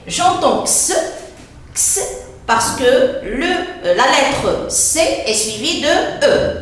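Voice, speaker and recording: Woman teacher, high and lively pitch, slow and patient, spells words out letter by letter; very echoey room, mic at a distance. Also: a little hiss or hum. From Morocco. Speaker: primary school teacher. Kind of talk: spelling lesson.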